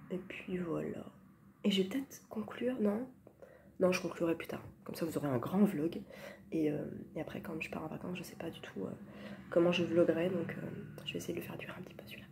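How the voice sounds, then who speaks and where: A woman's voice: on the low side, mellow, a little hiss or hum. A woman chatting casually about books on her vlog, hesitant and full of fillers, often slipping into a near-whisper. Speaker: book vlogger. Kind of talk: casual book chat.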